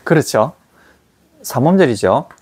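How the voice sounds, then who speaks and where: A man teaching an English grammar class, repeating English words slowly to model their sounds for students in a small classroom. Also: medium pitch, sing-song, darkish tone, husky.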